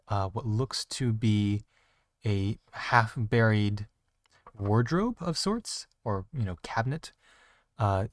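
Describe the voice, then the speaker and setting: Male game master, low voice, halting narration, dry sound. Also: no echo. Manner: hesitant, lots of fillers.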